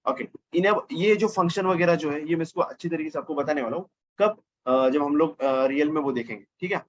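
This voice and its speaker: A man's voice: fairly high pitch, a little fast, lo-fi sound. A man teaching a casual coding lesson over his screen, thinking aloud and correcting himself as he goes. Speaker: programming teacher.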